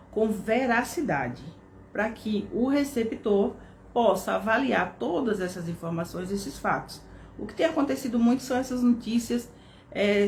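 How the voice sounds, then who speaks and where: A woman with a Brazilian Portuguese accent teaching an online course, explaining step by step and often checking in with tag questions. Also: mid-range voice. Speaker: course instructor. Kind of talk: online lesson. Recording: echoey room with faint background noise.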